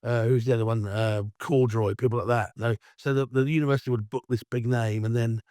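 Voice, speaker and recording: A middle-aged Essex man speaks with a croaky, allergy-roughened voice, chatting on as an interview guest. He rambles freely and calls himself the loudmouth. The sound is dry and close, with no room echo. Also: medium pitch, steady tone, quick pace. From Essex, England. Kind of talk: casual interview chat.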